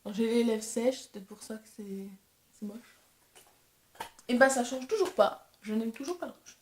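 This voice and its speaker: A woman's voice: fairly high pitch, moderate pace, a little mellow, echoey room, a little hiss or hum. A young woman vlogger chatting casually and self-deprecatingly while testing makeup. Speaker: beauty vlogger. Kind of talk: casual chat.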